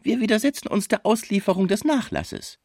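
A man voicing a sly, menacing male lawyer who sneers and mocks in a high, sharp voice. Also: sing-song, brisk, no echo, clean studio sound, exaggerated voice. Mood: sneering.

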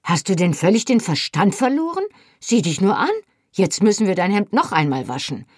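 A woman reading as a stern brisk farm mother. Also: lowish voice, animated, no echo, clean studio sound. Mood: scolding, urgent. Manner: sharp, commanding scolding.

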